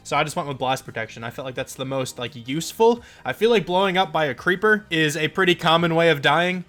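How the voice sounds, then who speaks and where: A young man with a fairly high voice talks through his gameplay in a loose, rambling way, full of likes and ums. He sounds stuffed up and congested. Faint music plays underneath. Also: lively intonation, quick pace, fairly bright tone. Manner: chatty, rambling, lots of fillers. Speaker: gaming channel host. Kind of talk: casual let's play commentary.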